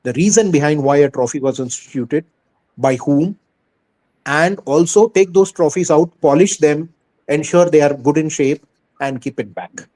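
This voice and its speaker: A man with an Indian accent speaks in a mellow, somewhat high voice. He answers as a school head in an interview, earnest and conversational, restating phrases to press his point. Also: moderate pace, rough recording.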